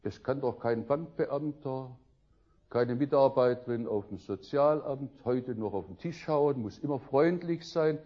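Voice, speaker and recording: An older man preaching a sermon, telling stories with lively swings between loud outbursts and quiet musing. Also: medium pitch, a little slow, dull audio.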